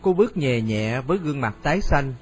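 A man narrating a radio story in a steady storytelling manner. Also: mid-range voice, a little fast, faint music behind.

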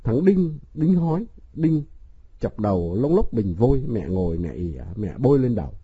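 A man's voice: mid-range voice, sing-song, moderate pace, slightly rough, phone-quality sound. A man voicing a proud, scrappy schoolboy who answers a bully with curt, defiant retorts.

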